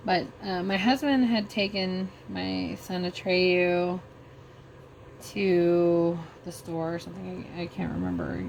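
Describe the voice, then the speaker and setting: A middle-aged woman vlogger slowly telling a personal story while crafting, halting and emotional. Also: fairly low pitch, fairly even intonation, gravelly, a little mellow, a little hiss or hum.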